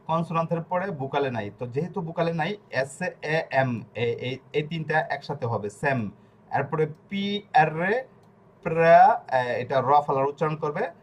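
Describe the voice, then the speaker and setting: Male language teacher, slightly high voice, slow syllable-by-syllable spelling on a video call. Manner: spells words out letter by letter, slow and deliberate; tells students to stay muted. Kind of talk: online class teaching pronunciation.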